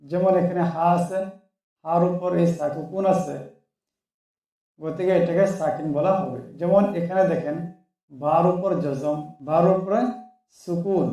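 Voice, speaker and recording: Slow, echoey male reading teacher. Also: on the high side, dark tone, recorded from a distance. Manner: slow and drawn out, repeats syllables for practice. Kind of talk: slow step-by-step lesson.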